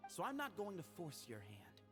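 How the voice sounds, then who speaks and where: A man's voice: high-pitched, wildly swooping pitch, moderate pace. A man voicing a frank, confident young heir in a video game, direct and self-assured. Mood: calm, resolute. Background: music.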